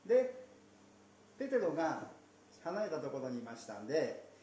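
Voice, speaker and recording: A man teaching from the Bible in a conversational way, slipping in playful asides and soft laughs. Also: fairly high pitch, big pitch swings, normal speed, muffled recording. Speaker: pastor. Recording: roomy echo, faint background noise.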